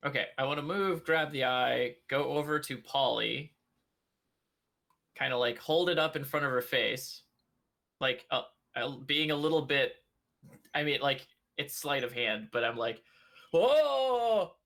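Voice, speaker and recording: A man's voice: mid-range voice, unhurried, gravelly, pushed and bright. A man playing a tabletop game, describing his moves in a casual, hesitant way with many fillers. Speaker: player.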